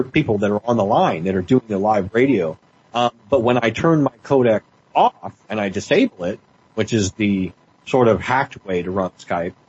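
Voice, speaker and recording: A man chatting casually on a radio show over an internet call, rambling and halting with many restarts, his voice heavily compressed and pumping. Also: on the low side, a little mellow. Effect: heavily compressed, pumping call audio. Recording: dull, muffled call line with faint noise.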